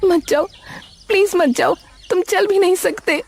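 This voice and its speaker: A woman voicing the worried, loving wife of a rickshaw puller in an animated story. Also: very high voice, unhurried, gravelly, voice pushed up, exaggerated voice. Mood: anxious. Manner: pleading, anxious.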